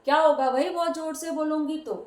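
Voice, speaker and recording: A woman's voice: high voice, steady tone, brisk, darkish tone. A woman teaching a grammar lesson, explaining patiently and step by step. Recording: roomy echo, voice from a distance.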